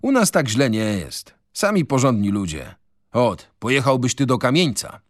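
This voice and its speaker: A man's voice: mid-range voice, big pitch swings, moderate pace, no echo, studio quality, close to an everyday voice. A man reading a novel on radio, voicing a skeptical, cautious male prisoner who sneers and philosophizes.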